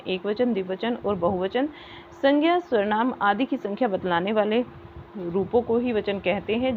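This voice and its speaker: Female tutor, higher voice, tinny lo-fi sound with faint hiss, walks through exam answers and repeats key points. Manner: repeats key points, checks understanding with asides. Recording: tinny phone-like audio, faint noise.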